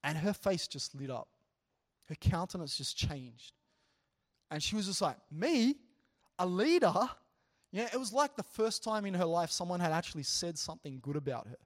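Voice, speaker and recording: A man preaching in a relaxed, conversational way, telling stories earnestly and animatedly, with frequent "you know" asides. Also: fairly high pitch, a little fast. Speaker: preacher sharing a testimony. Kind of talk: conversational sermon storytelling.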